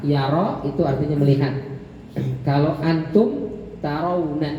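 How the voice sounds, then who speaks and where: A man teaching Quran commentary in a joking way, slowly drawing out Arabic words and acting out short dialogues. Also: a little hiss or hum. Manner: jokey, acts out dialogue with rising pitch. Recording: echoey hall, dull lo-fi sound.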